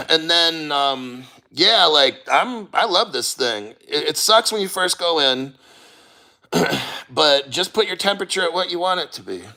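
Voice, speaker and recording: Casual livestream host, male, middle-aged, slightly high voice with a sharp forceful edge, loose-tongued and prone to swearing. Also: lively intonation, gravelly. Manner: rambling, profane, halting. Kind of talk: casual livestream chat, reading viewer comments.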